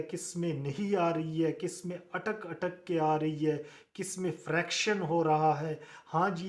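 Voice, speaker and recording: Slow, deliberate male linguistics teacher. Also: on the high side, darkish tone. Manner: slow, deliberate explaining with repeated examples. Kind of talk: phonetics lecture.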